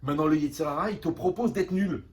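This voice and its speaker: A man teaching a lively class to teenagers, repeating phrases, asking if the class follows, and acting out little scenes. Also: on the high side, quick pace. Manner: animated, repeats phrases, asks the class "vous me suivez"; acts out little scenes in quoted voices. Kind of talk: lively spoken lesson to a class. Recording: voice from a distance with faint room noise.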